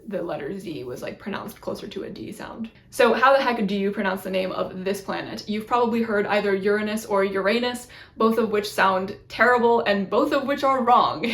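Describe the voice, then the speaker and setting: A woman's voice: mid-range voice, roomy sound. A young woman explaining pronunciation in a chatty, self-deprecating way, often laughing at herself. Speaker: video creator teaching Greek pronunciation. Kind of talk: casual explainer video.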